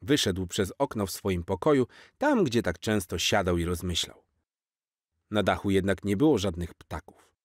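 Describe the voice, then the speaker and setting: A man narrating a children's story in a clear, expressive reading. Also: low-pitched, normal speed, no echo, studio quality.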